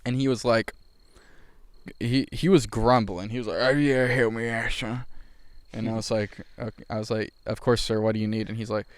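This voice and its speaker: A man's voice: on the low side, little pitch movement, a little fast, darkish tone, no room sound. A young man co-hosting a podcast, casually rambling through a story and laughing as he goes. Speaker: podcast co-host. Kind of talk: casual chat.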